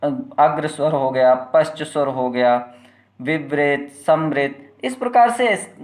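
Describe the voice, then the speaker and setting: A man teaching a lesson, who poses questions and answers them himself and stretches sounds out slowly to demonstrate them. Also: on the high side, darkish tone. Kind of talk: classroom-style lecture.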